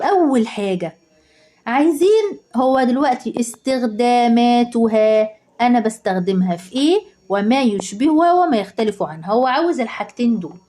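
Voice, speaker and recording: A woman's voice: fairly high pitch, mellow. A woman with an Egyptian Arabic accent teaching a lesson, asking questions and answering them herself with lots of repetition. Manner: asks and answers her own questions, repeating key words; slows down and stretches words when reading aloud. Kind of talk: classroom lesson explaining exam answers.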